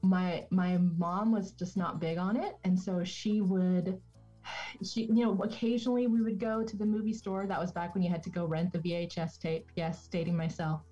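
A woman guest on a podcast tells stories in a relaxed, chatty way and laughs easily. Her voice sits low and sounds warm. The recording is dull and lo-fi, with faint music underneath. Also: normal speed. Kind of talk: casual conversation.

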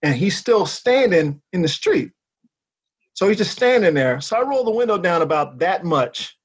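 A man co-hosting a casual chat, telling a story in an animated way, acting out the voices he quotes and swearing often. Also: moderate pace, breathy edge. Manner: animated, acts out quotes with big pitch jumps, swears often.

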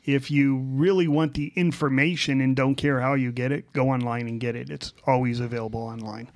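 A man's voice: medium pitch, fairly even intonation, brisk, a little mellow. A man hosting a podcast in casual chat, explaining things in a wry way. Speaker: podcast host.

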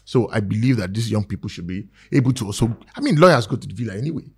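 A man's voice: lowish voice, lively intonation, very fast, slightly rough. A man with a Nigerian accent, speaking as a guest in a casual talk-show discussion, earnest and persuasive, with many fillers and restarts. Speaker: guest advocating for skit makers.

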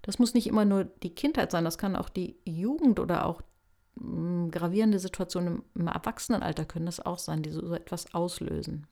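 A woman hosting a self-help podcast, talking calmly and gently to the listener in a reflective, coaching manner. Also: on the low side, brisk, creaky. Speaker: podcast host.

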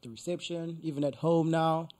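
A young South African man answering casually in an interview, telling things in relaxed everyday slang as a musician. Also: fairly high pitch, normal speed. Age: young adult. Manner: slangy, conversational storytelling.

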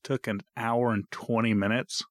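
A man's voice: medium pitch, level tone, normal speed, dry recording, studio quality. A man in his thirties co-hosting a podcast, chatting casually in a rambling, jokey way that often interrupts itself. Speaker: podcast co-host. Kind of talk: casual chat. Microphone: podcast recorder.

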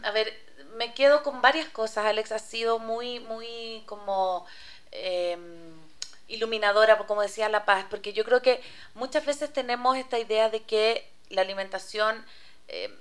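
A woman's voice: on the high side, normal speed. A woman co-hosting a parenting talk show, chatty, with many fillers and restarts. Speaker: co-host. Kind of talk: casual radio talk.

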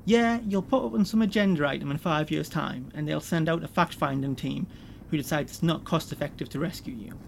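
A man's voice: fairly high pitch, brisk, gravelly, a little hiss or hum. A man voicing a smug, slick corporate executive who talks in a breezy, condescending, amused way.

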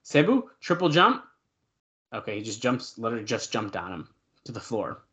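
A man's voice: on the low side, fast talker, a bit bright. A man speaking as a casual wrestling commentator, calling moves as they happen in a conversational voice. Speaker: podcast co-host.

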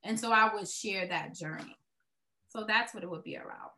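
A Brooklyn, New York woman with a bright, forceful, medium-pitched voice answers interview questions as a nonprofit executive at a moderate pace. She's earnest and emphatic, repeating words to hammer her points home.

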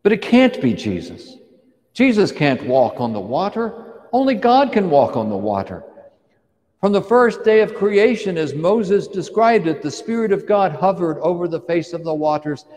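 A man's voice: high-pitched, big pitch swings, moderate pace, darkish tone. Man preaching a vivid story, echoing hall. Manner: vivid second-person retelling, drawing the listener into the scene. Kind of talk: dramatic sermon storytelling.

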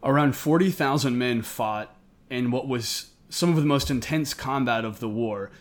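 A man's voice: medium pitch, moderate pace. A man co-hosting a history podcast, telling the story in semi-scripted narration, recorded in an attic. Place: indoors in the attic of a historic house. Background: air conditioning may be running.

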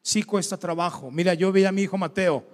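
High-voiced pastor in a reverberant hall. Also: male voice, fairly quick. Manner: conversational, keeps asking the congregation questions. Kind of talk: sermon. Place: church hall. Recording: long church-hall reverb.

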